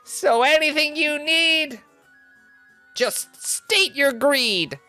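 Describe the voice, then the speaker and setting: Man putting on a high, hesitant, sing-song tavern server. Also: drawn-out words, bright, forceful tone, soft background music, exaggerated voice. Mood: awkward, eager. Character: James, meek nice male server forced to play rhyming tavern wench. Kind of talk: improvised tabletop role-play.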